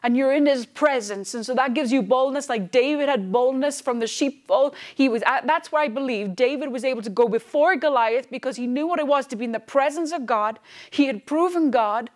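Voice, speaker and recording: A woman's voice: sits high, brisk. A woman in her thirties, a pastor preaching a fervent, emphatic sermon and repeating phrases for stress. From Wales.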